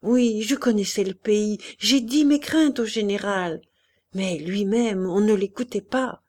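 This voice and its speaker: A woman voicing an old, feverish, wounded colonel who speaks in a halting, trembling way. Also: medium pitch, darkish tone, pitched above the performer's own voice, lightly acted. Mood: anguished. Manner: broken, halting, trembling speech.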